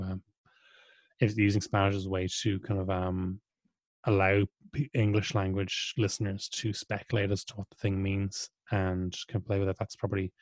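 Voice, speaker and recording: Low-pitched and a little mellow, this man's voice comes through with no room sound. Speaking Irish in a relaxed chat, he works through his thoughts hesitantly, restarting often and leaning on fillers.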